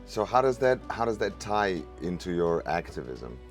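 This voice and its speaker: Male interviewer, deep register, informal and slightly hesitant delivery over soft music. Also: very animated, moderate pace. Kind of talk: casual interview questions.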